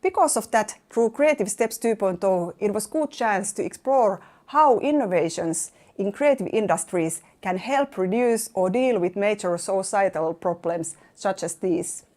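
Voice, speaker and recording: A woman's voice: mid-range voice, animated, measured pace, few pauses, darkish tone. Woman narrating in a formal tone. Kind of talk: scripted narration.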